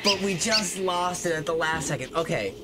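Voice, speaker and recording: A man streams a survival game deep into the night, talking to himself in a jokey, easily excited way. He sounds tired, and loud game music plays under his voice throughout. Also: moderate pace. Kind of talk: casual gameplay commentary.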